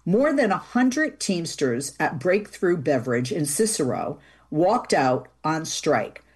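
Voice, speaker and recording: A woman's voice: sits low, very animated, slow, a little mellow, husky. A woman with a Boston accent hosting a talk show in a chatty, informal, conversational interviewing style. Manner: chatty, informal, directly addresses listeners. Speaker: radio talk show host.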